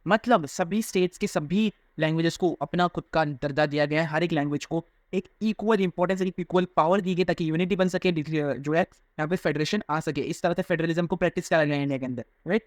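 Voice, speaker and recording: Fast-explaining young male teacher. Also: a little high, no echo. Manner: reads English passages slowly, then explains quickly in Hindi; mixes Hindi and English, addresses students directly. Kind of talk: explaining a textbook chapter to students.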